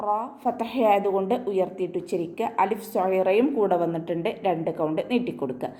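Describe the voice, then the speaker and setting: A woman teaching an online recitation class, explaining each rule step by step and adding gentle reminders to take care. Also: medium pitch, fairly quick.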